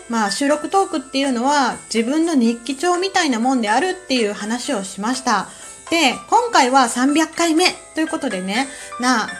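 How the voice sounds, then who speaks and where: A podcast host from Kansai speaks with a Kansai accent in a high voice, running a relaxed solo talk show. Her manner is calm, and she uses many soft fillers.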